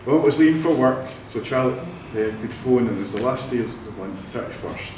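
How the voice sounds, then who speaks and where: His medium-pitched voice is expressive and brisk as this Scottish wedding celebrant conducts a vow renewal in a church hall. Telling family stories jovially, he laughs a lot; background noise and the echo of a distant mic fill the recording.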